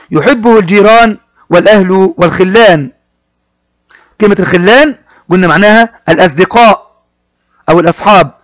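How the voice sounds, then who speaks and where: High-voiced teacher explaining a poem. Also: male voice, dry recording. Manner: addresses pupils directly, repeats words slowly and spells them out. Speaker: primary school Arabic teacher. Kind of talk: classroom lesson explaining a poem.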